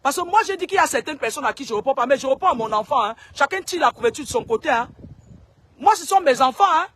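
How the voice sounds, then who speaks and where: A woman's voice: high-pitched, expressive, fast talker, a bit bright. A woman speaking straight to camera in a long, scolding monologue. She repeats herself and stammers on words as she goes. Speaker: self-styled seer.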